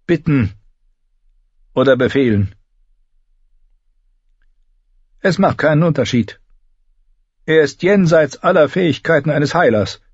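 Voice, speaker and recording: A man's voice: a little high, normal speed, pauses often, slightly rough, dry recording, pitched above the performer's own voice. A man voicing a proud older female healer-sorceress in a storybook reading, speaking coolly and ominously. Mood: cool, knowing. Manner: cool, knowing, ominous. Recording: slightly dull recording.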